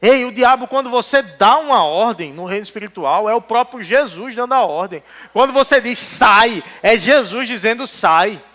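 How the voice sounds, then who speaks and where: A man's voice: very high-pitched, animated, normal speed, hardly any pauses, pushed and bright. A male pastor, preaching a sermon in a church and telling jokey stories, acting out the people he quotes. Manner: joking storytelling, acts out quotes. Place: church hall.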